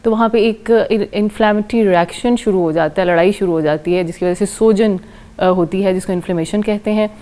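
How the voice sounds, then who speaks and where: A woman's voice: medium pitch, dark tone. A woman with a Pakistani accent, a dermatologist guest on a TV show, explaining patiently with simple everyday comparisons. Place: TV studio.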